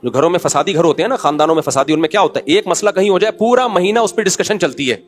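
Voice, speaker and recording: A man's voice: fairly high pitch, soft background music. A middle-aged man giving an informal religious talk, conversational and scolding, acting out the voices of people in his stories. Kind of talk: informal sermon with anecdotes.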